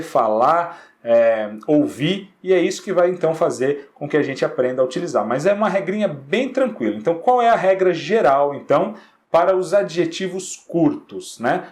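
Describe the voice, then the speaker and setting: A man teaching an English grammar lesson in Portuguese. He explains patiently, keeps checking in with short questions, and says English words slowly so they can be copied. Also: on the high side, lively intonation. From Brazil.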